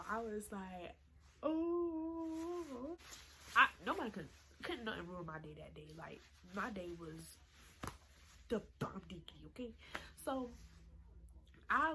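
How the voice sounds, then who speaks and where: A woman around twenty telling a storytime vlog in a chatty, excitable way, full of "like" and "y'all". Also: medium pitch, a little hiss or hum, rough recording. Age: 20s. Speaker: vlogger.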